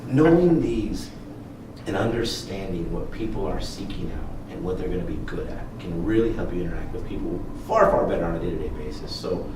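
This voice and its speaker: A man's voice: low-pitched, fast, few pauses. A man co-hosting a podcast in casual, informal talk with some swearing and joking. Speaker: podcast co-host. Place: library room. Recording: roomy, distant mic with clear noise.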